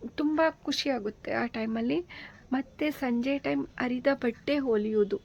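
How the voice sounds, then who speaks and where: A woman's voice: high-pitched, a little slow, creaky, darkish tone, lo-fi sound. A woman hosting a channel, giving casual household advice in a chatty way, with frequent fillers and checks for agreement.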